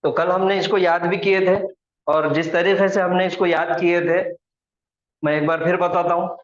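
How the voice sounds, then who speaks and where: A man's voice: high voice, steady tone, normal speed. A man teaching Arabic grammar in a classroom lesson, patiently repeating each point and mixing in English terms. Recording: echoey room, dull lo-fi sound.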